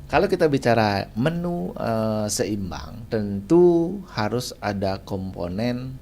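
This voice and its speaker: A man's voice: on the low side, very animated, slow pace, a little mellow, slight background noise. Chatty man explaining nutrition on radio. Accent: Indonesian (Balinese). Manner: chatty, laughs often, explains with homely examples. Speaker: nutritionist guest. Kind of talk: radio talk show interview.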